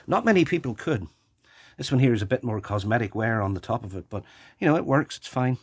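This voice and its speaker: Holding a phone, a video presenter gives a casual, unscripted hands-on demonstration of his radio collection, explaining and repeating key points. His medium-pitched voice is fairly quick, with lively intonation and a breathy edge.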